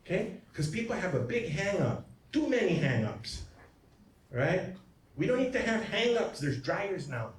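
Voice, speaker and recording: A fairly high-voiced man lecturing as a priest, joking and wandering off into asides while he keeps asking his listeners "okay?" and "right?". He is heard from a distance in an echoey hall. A faint hum of noise sits under his voice. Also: sing-song, measured pace. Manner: jokey, digressive, checks in with "Okay?" and "right?". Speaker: priest giving a genealogy talk. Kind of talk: lecture presentation. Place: hall at a symposium.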